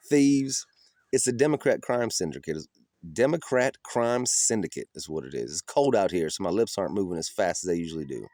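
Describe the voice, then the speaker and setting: A man's voice: lowish voice, darkish tone, no room sound, studio quality. A man ranting outdoors in the cold, giving profane, combative and mocking political commentary. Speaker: political vlogger.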